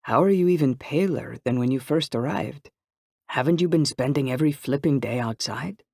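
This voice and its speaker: A man reading an audiobook, voicing an earnest young man who speaks softly and slowly. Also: medium pitch, creaky, no echo, studio quality. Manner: soft-spoken and slow. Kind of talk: audiobook character voice.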